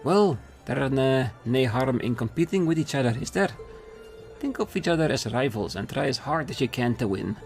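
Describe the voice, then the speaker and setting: A man's voice: mid-range voice, lively intonation, moderate pace, a little mellow, soft background music, close to an everyday voice. A man voicing a brusque middle-aged market trader with a put-on Scottish accent, giving blunt instructions sprinkled with dialect words. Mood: brisk.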